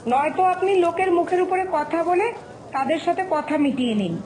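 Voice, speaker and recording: A woman voicing an exasperated young village daughter-in-law in a cartoon, who scolds her mother-in-law for talking too loudly. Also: extremely high pitch, animated, fairly quick, rough recording. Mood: anxious, scolding. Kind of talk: Bengali cartoon voice acting.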